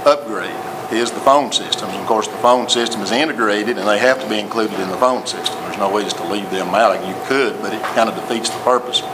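Speaking into a table microphone in a council chamber with an audience, a Tennessee man gives a city council a plainspoken report, repeating himself as he explains. His fairly low voice moves briskly with hardly any pauses, and the recording is noisy.

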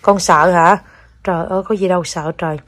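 Southern Vietnamese mother, young adult, casual home vlog host, coaxing and chatty, somewhat low-pitched. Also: fairly even intonation, a little fast, fairly bright tone. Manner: coaxing, chatty, mixes in English words. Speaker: mother vlogging with her child. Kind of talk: casual family vlog chat. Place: home, indoors.

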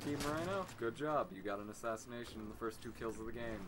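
A man's voice: mid-range voice, fast, background noise. A young man dryly commenting on a casual multiplayer match with friends. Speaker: gamer. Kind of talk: casual gaming banter.

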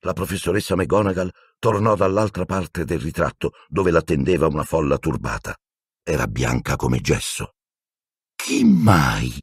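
A man narrating an audiobook with expressive storytelling. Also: very deep voice, normal speed, breathy edge, dry recording, studio quality. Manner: expressive storytelling, voicing every character.

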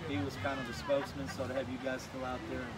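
Middle-aged man, rambling, hesitant, outdoor street at night, distant mic, loud traffic noise. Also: mid-range voice, completely flat delivery, fast. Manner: rambling, hesitant, many fillers. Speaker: brewery owner. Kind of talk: casual outdoor interview.

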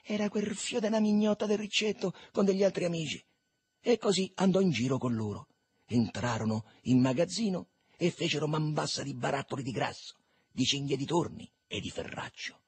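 A man reading a literary novel aloud in a lively, expressive way. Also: a little high, moderate pace, husky. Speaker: reader.

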